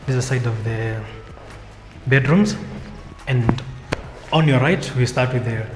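A man's voice: medium pitch, measured pace. A young man from Kenya guiding viewers through an empty apartment, pointing out each room as he walks. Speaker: house tour vlogger. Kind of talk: walking house tour guide. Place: empty apartment rooms, indoors. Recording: echoey empty rooms with music. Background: music bed under the voice.

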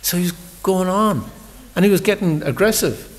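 A man's voice: high-pitched, normal speed. Man preaching in an echoing temple. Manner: warm storytelling, conversational, repeats words when he restarts. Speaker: visiting speaker giving a scripture class. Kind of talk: sermon. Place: large temple hall.

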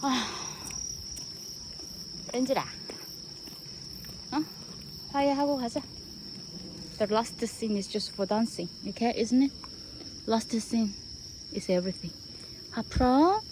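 A woman's voice: on the high side, very slow, long pauses. A woman chatting with her dogs, switching between fond baby talk and mock scolding, now and then in English. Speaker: pet owner talking to her dogs. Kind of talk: casual chat with pets. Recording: noisy outdoor ambience.

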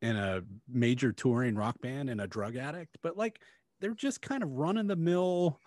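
Talking at a normal speed in a medium, slightly mellow voice, a man in his forties co-hosts a casual book review podcast. He is blunt and critical and swears a lot. He uses a close studio mic on a stand with headphones, and the sound is dry and clean.

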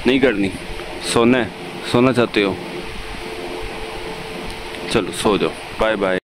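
A young man talking softly and coaxingly to a small child, voice raised higher than usual. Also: takes it slowly, noisy background. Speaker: vlogger.

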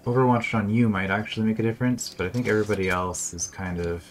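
Low-voiced man thinking aloud over gameplay. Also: steady tone, fast talker. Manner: muttering, thinking aloud, dry sarcasm. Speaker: gameplay commentator. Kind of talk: casual let's-play commentary.

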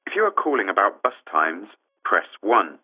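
A lowish man's voice with plenty of lift and fall comes down a landline phone, narrow and tinny. He speaks politely and in a measured way, spelling things out clearly. An actor plays him in course-book dialogues. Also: wildly swooping pitch. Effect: heard over a landline phone.

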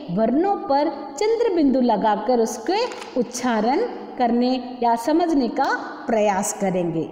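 A woman's voice: sits high, a little mellow, big-room sound. A woman teacher giving a patient Hindi lesson to young children, asking the class questions and repeating each point. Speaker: primary school teacher.

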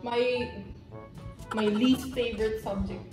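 A woman's voice: a little high, steady tone, slow pace, far from the mic. A woman in her twenties with a Filipino accent, chatting casually in mixed English and Tagalog. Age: 20s. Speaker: vlogger playing a sisters' quiz. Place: indoor dining room at a glass table. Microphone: camera mic a few feet away. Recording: very echoey room, music behind.

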